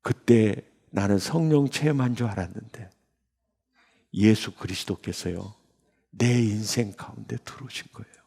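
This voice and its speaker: A man in his sixties, a pastor, telling his testimony in a sermon with emotional storytelling that jumps into high bursts. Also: normal speed, gravelly, dark tone, breathy edge. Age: 60s. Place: church sanctuary.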